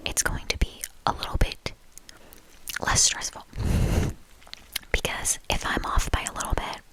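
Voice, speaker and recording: Casting: female ASMR host, fully whispered, casual and rambling, softly repeating words. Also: low-quality recording. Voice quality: soft, unvoiced whisper. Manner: lingers on and repeats soft words. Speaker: host of a knitting ASMR channel.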